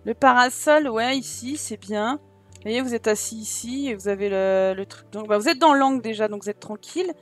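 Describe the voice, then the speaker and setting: A woman with a southern French accent, voice sitting a little high, chats easily through a let's-play. She talks straight to her viewers and thinks aloud as she goes. Soft game music plays faintly underneath. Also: normal speed. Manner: chatty, addresses viewers directly, thinks aloud. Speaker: gaming YouTuber. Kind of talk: casual let's-play commentary.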